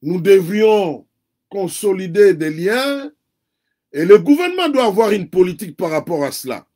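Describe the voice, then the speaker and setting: A man from the Democratic Republic of the Congo, whose first language is Kikongo, speaks with a Congolese accent and a notably high voice for a man. As an interview guest giving earnest commentary, he builds his case point by point, repeating phrases for emphasis. He's very animated, with a moderate pace and a dark tone.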